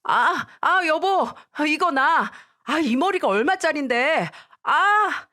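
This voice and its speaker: A woman's voice: high voice, lively intonation, slow pace, bright, forceful tone, voice pushed up, exaggerated voice. A woman voicing a flustered, panicky husband in a dramatized story reading. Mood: yelping pain. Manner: flustered, whining. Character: startled panicky husband, middle-aged.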